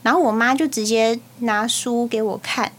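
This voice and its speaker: A woman's voice: a little high, steady tone, moderate pace, fairly bright tone. A young woman with a Taiwanese Mandarin accent, co-hosting a podcast and telling stories frankly in casual chat. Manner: frank, storytelling. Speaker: podcast co-host.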